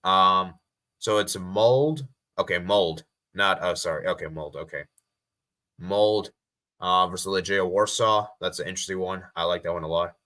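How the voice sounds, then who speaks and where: A casual American live-streamer with a deep voice and a bright, forceful edge. He rambles loosely, repeats his phrases and reads viewer comments aloud as he goes. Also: steady tone, moderate pace. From USA.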